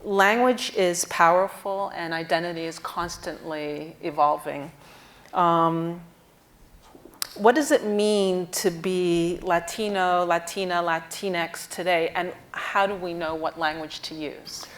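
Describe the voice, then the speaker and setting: A woman moderating a stage panel, measured as she reads out terms and poses questions into a lapel mic. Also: on the low side, fairly even intonation, fairly bright tone. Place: auditorium stage.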